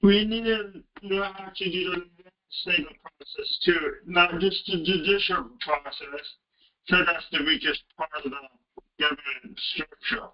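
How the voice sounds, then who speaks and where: A man calls in over a phone line that is breaking up, his voice muffled and set well back from the mic. He sits a bit higher than most men and speaks haltingly, often restarting his words. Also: distant mic. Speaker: caller. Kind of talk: call-in radio talk.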